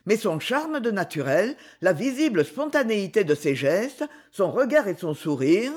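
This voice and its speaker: A reader narrating a classic French story in an expressive, measured way. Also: medium pitch. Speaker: audiobook reader. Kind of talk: literary narration.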